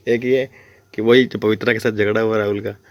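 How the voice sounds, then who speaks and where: A man's voice: fairly low pitch, little pitch movement, normal speed, dry recording. A young man giving casual commentary on a reality show, chuckling constantly and teasing the contestants.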